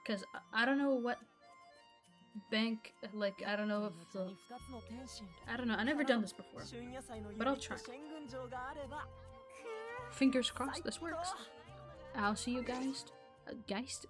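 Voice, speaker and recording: With music in the background, a gaming vlogger speaks at a fairly high pitch, a little slowly and with many pauses. Her first language is Arabic, and she rants to viewers in a loose, exasperated way, breaking off in the middle of sentences.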